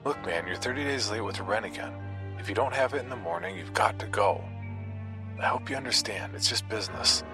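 A man's voice: lowish voice, fairly quick, music in the background, pitched above the performer's own voice, lightly acted. A man voicing a reluctant young male roommate, apologetic but firm.

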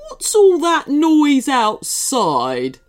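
A woman voicing a rude, bad-tempered male cupcake in a storybook, snapping slowly and scornfully. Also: a little high, wildly swooping pitch, exaggerated voice.

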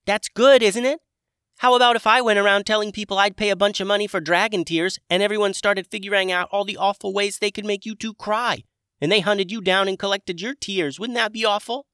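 A man voicing a tiny, cheerful female wood sprite with a squeaky voice. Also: steady tone, a little fast, sharp tone, clear, resonant tone, no echo, clean studio sound. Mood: chirpy. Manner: squeaky, chirpy.

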